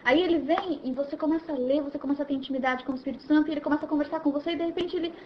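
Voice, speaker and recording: High-voiced woman teaching the Bible. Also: racing, highs cut off, slight background noise. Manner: animated, acts out scenes, repeats words while restarting.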